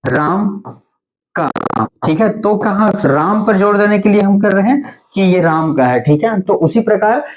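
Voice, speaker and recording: With a high pitch, lively intonation, and a slightly mellow tone, a male teacher walks students through an online grammar lesson one step at a time. After each point he checks in with a frequent "theek hai," and he slows down to list terms.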